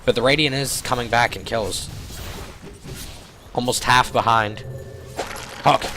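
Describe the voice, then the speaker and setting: A hoarse young man calls a video game live, bursting with excitement and often stopping to correct himself. His voice sits in a middling pitch, and steady background noise runs under the home recording. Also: unhurried. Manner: excitable, rambling, self-correcting. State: hoarse from a cold. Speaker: game caster.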